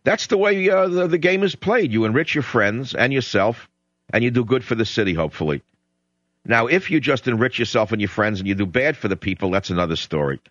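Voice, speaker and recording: A male talk radio host in a studio rambles sardonically and emphatically through his opinions and takes calls. His medium-pitched voice is brisk, fairly bright, and lively in intonation. The recording is dry, a dull lo-fi radio broadcast.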